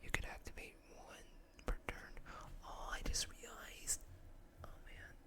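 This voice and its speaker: An ASMR host reads text in a close-miked, breathy whisper with no voicing, unhurried and a little slow, with occasional casual asides.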